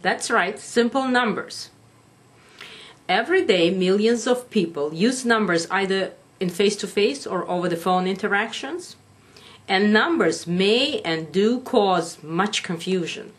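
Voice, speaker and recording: A woman gives a lesson at an unhurried pace, leaning hard on the stress of every word she drills. Her pitch rises and falls widely as she demonstrates. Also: animated. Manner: slow, deliberate enunciation with stressed number drills. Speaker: English communication teacher. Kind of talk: instructional talk to camera.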